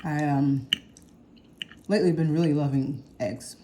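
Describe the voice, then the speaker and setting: A woman's voice: deep voice, fairly even intonation, a little slow, background noise. A woman vlogger chatting casually to her viewers while eating a meal at home, rambling with hums and small laughs. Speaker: cooking vlogger. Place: home kitchen or dining room with window open.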